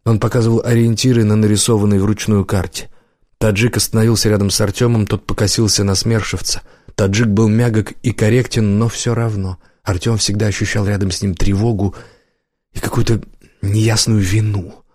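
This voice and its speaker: A man narrating an audiobook in a measured, even storytelling manner, close to a studio mic. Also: on the low side, no room sound.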